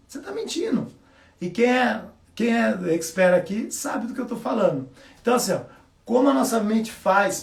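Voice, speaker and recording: A Brazilian man giving a motivational talk, telling stories with lots of slang and animated delivery. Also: fairly high pitch, recorded from a distance. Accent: Brazilian Portuguese. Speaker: coach. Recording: echoey room.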